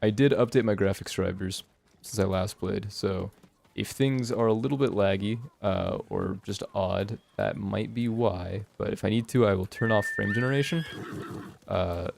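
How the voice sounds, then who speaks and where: A man's voice: on the low side, normal speed, gravelly, a little mellow, a little hiss or hum. A man with an American West Coast accent giving casual, unscripted gameplay commentary, thinking aloud in a hesitant, rambling way. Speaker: gaming host doing a playthrough.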